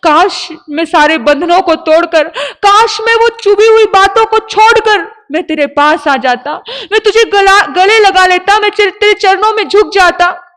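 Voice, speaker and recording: A sorrowful brother cries out in remorse, voiced by a woman telling a sermon story. The voice sits very high and pleads in a tearful lament. A long reverb trails each line in the hall. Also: unhurried, hardly any pauses, a bit bright. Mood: anguished. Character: grieving older brother, remorseful and desperate.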